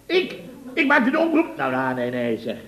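A man's voice: medium pitch, sing-song, moderate pace, a little mellow, roomy sound, dull audio. An actor playing a pompous, boastful middle-aged contractor boss in a 1960s radio comedy, rambling through his stories. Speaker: boss of a building firm.

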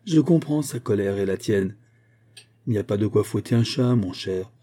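A man's voice: on the low side, lively intonation, moderate pace, dark tone. A man voicing a jovial young male officer in a novel, hearty and teasing as he talks. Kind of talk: audiobook character reading.

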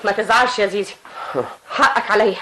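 An actress playing a shrill domineering mother. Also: steady tone, fast talker, heavy background noise, natural voice. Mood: doting. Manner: shrill, doting to husband, harsh to daughters. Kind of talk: vintage radio drama acting.

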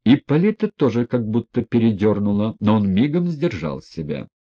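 A man narrating a classic novel in a measured, even storytelling manner. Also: fairly low pitch, no echo. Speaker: audiobook reader. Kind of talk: literary audiobook narration. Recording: dull lo-fi recording.

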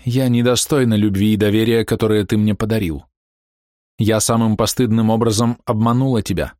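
A man's voice: lowish voice, fairly even intonation, brisk, mellow, no echo, studio quality, natural voice. A man voicing a remorseful young wife who confesses her adultery in an anguished, pleading way. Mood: confessing. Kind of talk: audiobook character voice.

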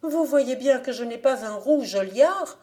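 A woman voicing a bewildered young village wife, anxious and pleading. The voice rises higher than the narration yet stays slow and soft-edged. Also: animated. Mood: distressed. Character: Marie Cornic, young woman, timid and bewildered.

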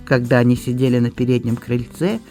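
A man narrating a novel in a calm, even storytelling manner. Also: mid-range voice, a little fast, faint music behind. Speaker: audiobook narrator. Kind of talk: scripted narration.

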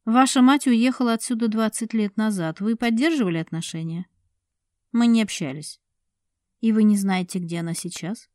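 A woman reader plays a calm, probing man in an audiobook, speaking slowly and softly. The tone stays dark and mellow, recorded dry and close. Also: medium pitch, dry recording, lightly acted. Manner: slow, measured, soft questioning.

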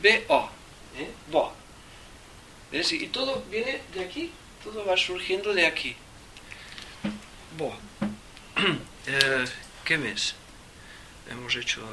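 A man with a Catalan accent teaching theosophy informally to a small group, rambling and asking "¿eh?" often. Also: a little high. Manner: rambling, asks "¿eh?" again and again, thinks aloud. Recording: distant mic with faint noise.

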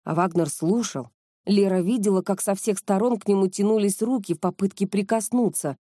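A woman narrating an audiobook with steady, measured storytelling. Her timbre is dark and mellow. The recording is dry, with no room echo. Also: medium pitch. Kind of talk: scripted narration.

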